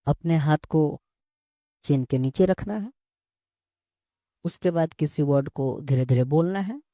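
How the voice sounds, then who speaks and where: A male teacher explains slowly and steadily, often going back over the same words. His voice sits a little high for a man yet sounds dark and gravelly. It is recorded close up and dry. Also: no echo. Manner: slow, repeats words and phrases while explaining. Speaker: English teacher. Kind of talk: bilingual lesson explanation.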